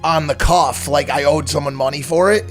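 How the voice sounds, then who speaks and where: A man co-hosting a podcast in casual chat, teasing and quick to joke and ask questions. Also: on the high side, steady tone, faint music behind.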